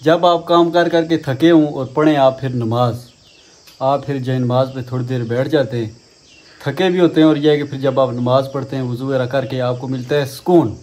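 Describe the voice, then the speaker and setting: A man's voice: mid-range voice, fairly even intonation, moderate pace, a little mellow. A man talks casually for his vlog while working outdoors on farmland, rambling and leaning on the same filler phrases. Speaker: vlogger. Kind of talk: casual vlog chat while doing garden work.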